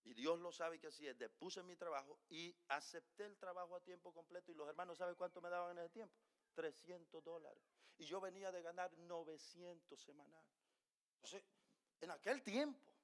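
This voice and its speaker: A middle-aged male pastor preaching a sermon, telling a personal story with emotion, dropping quiet and then rising loud. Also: fairly high pitch, normal speed.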